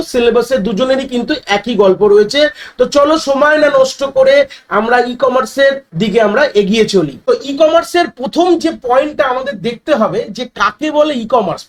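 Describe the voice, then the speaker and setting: Male tutor, very high voice, quick delivery, talks directly to students. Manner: addresses students directly, mixes English terms into Bengali; repeats phrases and restarts mid-sentence. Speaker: teacher. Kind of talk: exam-prep lecture.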